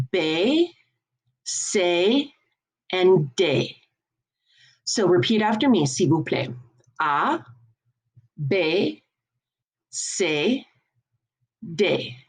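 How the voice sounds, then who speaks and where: A woman teaching a French lesson, explaining each point patiently and enunciating clearly. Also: lowish voice, a little mellow. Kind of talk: classroom lesson.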